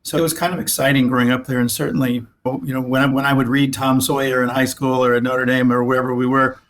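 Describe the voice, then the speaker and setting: He talks fast, his medium-pitched voice level in tone and fairly bright. The speaker, a man in his sixties who grew up in Alaska and works as an orthopedic spine surgeon, recalls his past during a reflective interview, rambling and frequently restarting or repeating himself.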